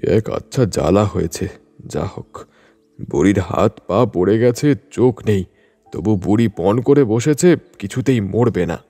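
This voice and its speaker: A man voicing an irritated, blunt village man in a story reading, gruff and scornful. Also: medium pitch, animated, normal speed, dark tone, soft background music, natural voice. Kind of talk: storybook narration.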